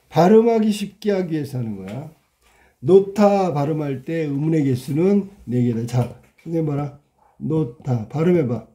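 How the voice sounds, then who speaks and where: A male Korean language teacher talking casually through exam questions, sounding out words slowly and often repeating them, with many rhetorical questions. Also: a little high, mellow. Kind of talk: casual exam walkthrough lesson.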